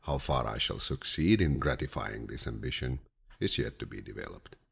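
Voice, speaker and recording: A male narrator reads an audiobook of quotations, keeping a slow pace as he follows the script. His voice sounds deep, husky and low, and he comes across as a soothing, calm grandfather figure.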